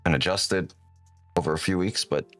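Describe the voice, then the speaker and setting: A man with a deep whiskey voice giving casual live-stream commentary, thinking aloud and often checking in with "right?", on a close microphone. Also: moderate pace, a bit bright, no room sound, faint music behind. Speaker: live trading streamer, host.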